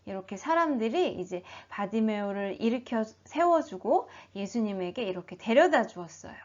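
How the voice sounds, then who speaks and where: A woman telling a Bible story as a children's sermon, expressive and animated, asking the listeners questions. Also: medium pitch, moderate pace. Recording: dull lo-fi recording.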